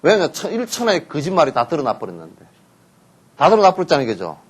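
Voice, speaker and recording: A man gives a Buddhist dharma talk full of lively stories, acting out parents and children in quotes and often asking listeners to agree. His voice is a little high and breathy-edged, and he talks fast.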